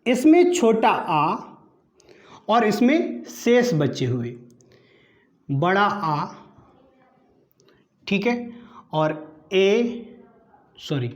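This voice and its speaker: A high, sing-song male voice in a roomy-sounding space leads an exam-prep grammar lesson. He quizzes the class and then answers his own questions, repeating each term as he drills it slowly and deliberately.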